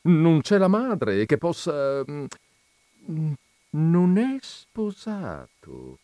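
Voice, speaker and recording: A man's voice: fairly high pitch, wildly swooping pitch, very slow, dark tone, dry recording, exaggerated voice. A man doing a haughty old colonel's widow. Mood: musing. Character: fussy indignant older widow, a colonel's wife.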